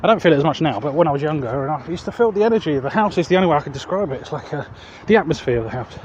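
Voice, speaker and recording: Walking beside busy roads, this southeast English vlogger talks to camera in a high, expressive voice, rapid-fire yet rambling and hesitant. The handheld external microphone picks up muffled outdoor sound and heavy traffic.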